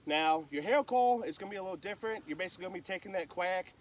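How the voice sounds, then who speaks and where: A man's voice: high-pitched, expressive, rapid-fire, far from the mic. A man giving casual, folksy, plain-spoken instruction as a hunter sharing calling tips.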